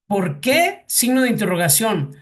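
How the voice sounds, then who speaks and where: A man's voice: high-pitched, big pitch swings, unhurried, a bit bright. A man with a Mexican Spanish accent teaching a class, hesitant, with many fillers and repeated words, asking the students questions. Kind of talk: classroom lecture.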